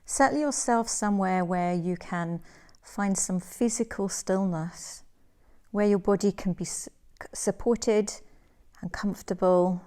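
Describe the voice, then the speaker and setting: A gentle, soothing woman's voice of medium pitch leads a relaxation meditation. She is a yoga teacher who speaks in unhurried, measured phrases with pauses.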